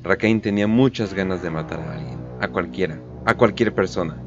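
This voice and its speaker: A low-pitched man gives a scripted, dramatic reading of a dark war story, solemn and deliberate. Music is clearly audible behind him, and the sound is lo-fi.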